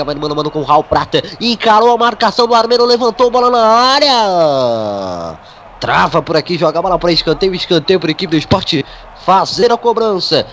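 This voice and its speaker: A man's voice: fairly high pitch, fairly bright tone, a little hiss or hum. A Brazilian man doing live radio football play-by-play in a projected announcer's delivery, peppered with stock catchphrases.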